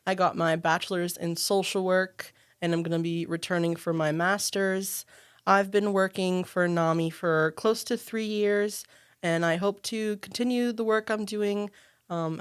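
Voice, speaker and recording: A woman in her twenties hosting a podcast, reading a measured, scripted introduction. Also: fairly low pitch, clear, resonant tone. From Maine, US. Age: 20s. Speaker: podcast host and program manager.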